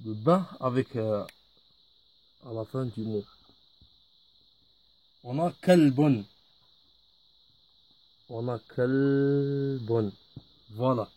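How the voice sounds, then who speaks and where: A man's voice: medium pitch, expressive, slow, pauses often, mellow, breathy edge. A man teaching a lesson in French, patiently repeating each word. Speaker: Arabic teacher. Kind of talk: slow spoken lesson.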